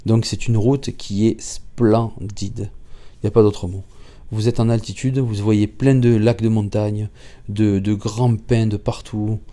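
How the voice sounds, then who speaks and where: A man recounting a road trip to his viewers in a casual, halting way, often restarting and repeating words. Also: fairly low pitch, little pitch movement, dark tone. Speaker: travel vlogger. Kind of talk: casual travel recap.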